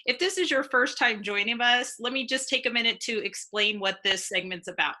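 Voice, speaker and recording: A woman's voice: on the high side, brisk, pushed and bright. A woman hosting a casual live interview, chatty and friendly, laughing often. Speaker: host.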